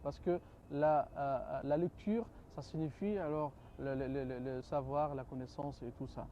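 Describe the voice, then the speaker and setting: Hesitant man, mellow voice. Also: mid-range voice, steady tone, a little slow, lo-fi sound, slight background noise. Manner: hesitant, searching for French words, repeats "alors". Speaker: guest scholar of comparative religion. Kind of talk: studio talk show answers.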